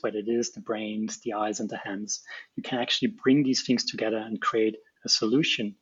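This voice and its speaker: A middle-aged native German speaker from a small Alpine town in Austria appears as an interview guest, explaining his work as a robotics researcher and company founder. He has an Austrian accent and a slightly rough, mid-range voice. The recording is muffled but has no echo.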